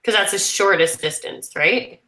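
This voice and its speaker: A woman's voice: medium pitch, unhurried, pushed and bright, reverberant. A young woman, a student, chatting and asking questions on a video call while working through homework problems with others. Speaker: student in a study group. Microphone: computer mic on a video call.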